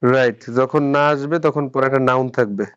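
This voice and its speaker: A man's voice: mid-range voice, brisk, clear, resonant tone, dry recording. Bengali-speaking man teaching grammar, dull lo-fi sound. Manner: patient, repeats terms and asks the class questions. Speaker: Japanese language teacher. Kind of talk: live online grammar lesson.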